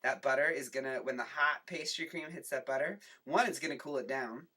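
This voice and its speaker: A cooking show host giving a jokey home cooking demo in a kitchen, talking with playful asides and deadpan jokes. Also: medium pitch, a little fast, husky.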